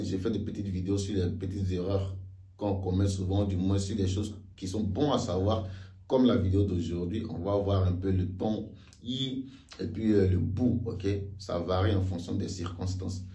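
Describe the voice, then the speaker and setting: A man teaching a casual online language lesson, chatty, repeating each example slowly and checking in with "ok?". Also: low voice, mellow. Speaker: Mandarin teacher. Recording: roomy echo, voice a bit far from mic.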